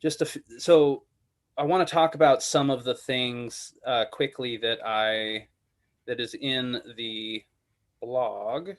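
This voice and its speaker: Slow and steady in tone, a man with a mid-range voice hosts an online committee meeting. His moderation is casual and rambling as he calls on people, full of filler words and sentences he starts over.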